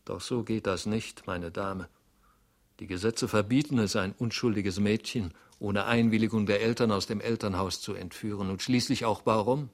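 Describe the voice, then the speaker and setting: A man reading aloud and voicing an anxious, fretful middle-aged clerk, hushed and self-reproaching. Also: lowish voice, fairly even intonation, normal speed, natural voice. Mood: indignant. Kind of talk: audiobook reading.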